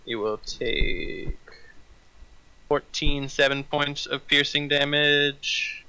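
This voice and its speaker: A man's voice: fairly high pitch, steady tone, extremely slow, bright, forceful tone, smooth, low-quality recording. A man running a tabletop fantasy game as game master, narrating scenes and calling out rolls.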